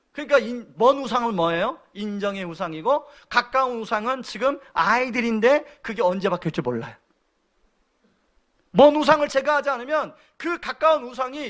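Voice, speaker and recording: High-voiced male pastor preaching. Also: fairly bright tone. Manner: conversational preaching with personal stories and questions to the congregation. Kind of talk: sermon.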